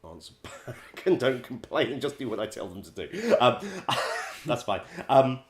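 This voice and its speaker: A man, a musical director and vocal coach, telling wry stories in a chatty way, laughing often and filling pauses with ums. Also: mid-range voice, sing-song, echoey room. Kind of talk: casual anecdote-telling.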